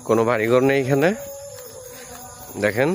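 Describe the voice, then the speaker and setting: A man's voice: medium pitch, steady tone, normal speed, slight background noise. A man, chatting to his viewers while fishing at a rural wetland, recorded on a phone. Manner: chatty, addresses viewers directly. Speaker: fishing vlogger. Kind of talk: casual vlog chat to viewers.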